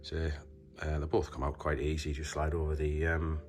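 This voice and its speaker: A man with a very deep, monotone voice presents a DIY installation tutorial, talking through the hands-on job in a casual, unscripted how-to demonstration. He is matter-of-fact but hesitant, pausing as he works with his hands.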